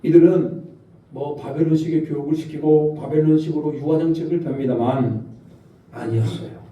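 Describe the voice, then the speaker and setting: A man's voice: a little high, steady tone, normal speed, dull audio. A male pastor preaching a sermon, posing questions to the congregation. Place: church sanctuary. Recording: echoey church hall from far off.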